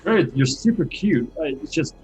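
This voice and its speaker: A man's voice: a little high, expressive, moderate pace, a little mellow, slight background noise, rough recording. A man bantering casually as a player at a tabletop game.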